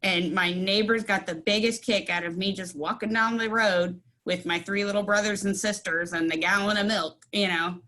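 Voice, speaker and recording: A woman from central Illinois tells a story on a video call. Her mid-pitched voice is friendly and rambling, full of ums and asides. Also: steady tone, moderate pace, hardly any pauses, pushed and bright. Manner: friendly, rambling, with many fillers. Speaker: meeting participant. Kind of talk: casual storytelling.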